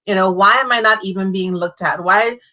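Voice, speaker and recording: A woman hosting a live-streamed talk show, speaking in an animated, conversational way with emphasis, over a video call. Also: mid-range voice, fairly quick, rough recording. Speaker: host.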